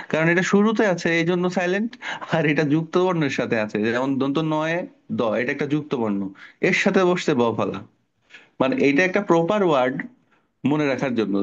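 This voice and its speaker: A man's voice: fairly high pitch, muffled recording. A middle-aged man teaching an online spelling class to children, explaining patiently and asking the class questions.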